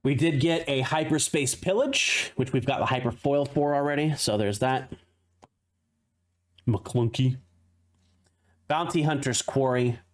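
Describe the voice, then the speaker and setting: A mid-pitched man talks his way through a pack opening. He reads card names in quick bursts and fills the gaps with casual, chatty asides. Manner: laughs at his own tongue-twisters. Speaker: streamer opening card packs. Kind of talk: casual unboxing commentary.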